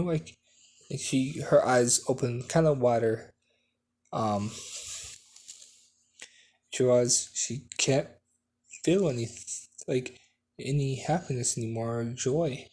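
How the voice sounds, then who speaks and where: A man's voice: medium pitch, a little mellow. A man improvising a fan story at home, hesitant, with many fillers and restarts.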